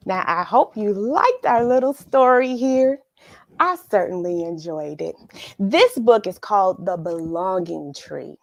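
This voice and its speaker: A woman speaks at a measured pace in an expressive, medium-pitched voice with a creaky quality. Hosting a read-along for children at home, she chats casually with young viewers after the story and muses aloud to them. There is no echo.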